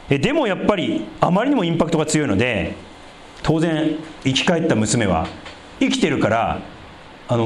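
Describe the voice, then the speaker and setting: A man preaching a sermon as a pastor, explaining scripture in a conversational way and dropping into a lower voice for asides. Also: roomy sound, a little hiss or hum. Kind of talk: sermon, Bible exposition.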